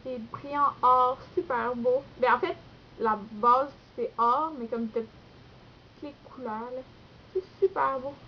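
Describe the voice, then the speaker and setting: A woman's voice: high voice, fairly even intonation, slow, highs cut off, a little hiss or hum. A young woman with a Québécois accent chatting through a nail polish haul, rambling with lots of fillers and self-corrections. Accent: Québécois French. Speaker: beauty vlogger.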